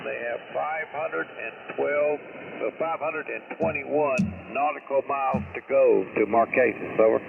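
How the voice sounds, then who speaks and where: A man's voice: medium pitch, a little slow, creaky. A man running a radio net roll call, heard over a two-way radio, using formal radio procedure: he reads out call signs and ends his turns with "over". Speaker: net control operator. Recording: tinny radio transmission with static.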